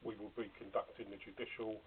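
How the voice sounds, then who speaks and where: A man's voice: lowish voice, flat delivery, fast. An older man, an elder speaking firmly and officiously in a dispute, picked up by a hidden wire. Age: middle-aged or older. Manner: firm, insistent, officious, dismissive. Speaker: congregation elder. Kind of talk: formal dispute in a meeting. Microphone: hidden recorder on another person. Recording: muffled, hissy hidden body-wire recording.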